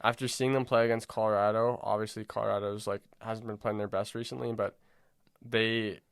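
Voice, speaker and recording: Low-voiced man on a casual sports podcast. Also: flat delivery, brisk, creaky, smooth, no room sound, studio quality. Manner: rambling, hedging with fillers. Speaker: podcast co-host.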